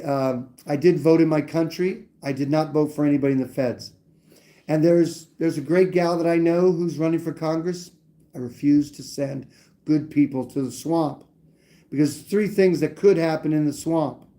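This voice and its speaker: Blunt, rambling man with a mellow voice. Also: fairly high pitch. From New Hampshire. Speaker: livestream host. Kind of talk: casual political talk.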